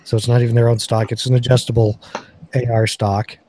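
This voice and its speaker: Dark-voiced man hosting a gun podcast. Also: mid-range voice, little pitch movement, a little fast, slight background noise. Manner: chatty, reads off product specs. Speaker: podcast host. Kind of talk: casual gun review chat.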